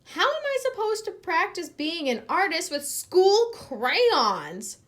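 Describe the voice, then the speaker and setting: A woman's voice: extremely high pitch, very animated, takes it slowly, fairly bright tone, pitched above the performer's own voice, exaggerated voice. A woman voicing an earnest, stubborn first grade boy in a storybook, speaking up emphatically. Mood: indignant. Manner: protesting, emphatic.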